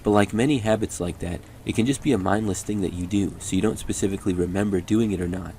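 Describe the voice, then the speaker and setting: Low-voiced guy reading scary stories, calm even telling, slight hiss behind. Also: fast talker. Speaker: horror story narrator. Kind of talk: first-person scripted narration.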